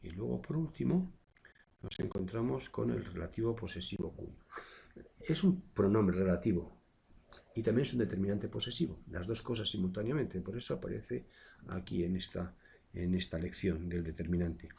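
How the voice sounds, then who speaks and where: Low, gravelly teacher, a man. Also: moderate pace, dark tone, slight background noise. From Spain. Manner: explains patiently with frequent "eh" fillers and tag questions. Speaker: secondary school language teacher. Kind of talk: recorded grammar lesson.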